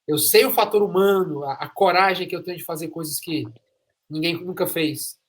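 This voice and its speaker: The host of this interview podcast is a Brazilian man whose voice is slightly high and whose speed is normal. His chat is enthusiastic and emphatic, marked by phrases repeated for emphasis.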